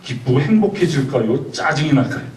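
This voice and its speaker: A man's voice: mid-range voice, animated, a little fast. A man giving a lecture, asking his audience questions and having them repeat phrases after him. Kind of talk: lecture on communication. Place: lecture hall. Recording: roomy, distant mic, faint background noise.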